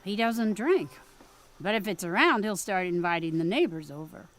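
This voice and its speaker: This woman's medium-pitched voice is a bit bright, with lively intonation and a moderate pace. She lightly acts the role of a pushy, folksy small-town mother in a period audio drama. Her Midwestern American accent carries a plain-spoken, scolding manner.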